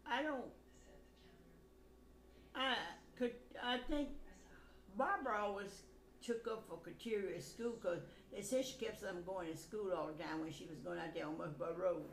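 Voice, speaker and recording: At a moderate pace and medium pitch, an older woman, a grandmother, chats through family stories, rambling and plain-spoken, acting out who said what. The space is echoey, with background noise.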